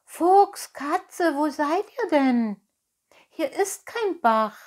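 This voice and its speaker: A woman voicing an eager young wooden puppet boy in a storybook reading, high and excitable. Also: drawn-out words, exaggerated voice. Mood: calling out.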